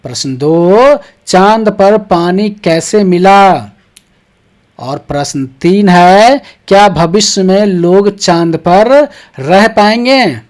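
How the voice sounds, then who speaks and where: A teacher explains textbook exercises to young schoolchildren at a deliberately slow, easy pace. Each question is read out first and then answered step by step. Regular "ठीक है" check-ins keep the lesson moving. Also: mid-range voice, darkish tone.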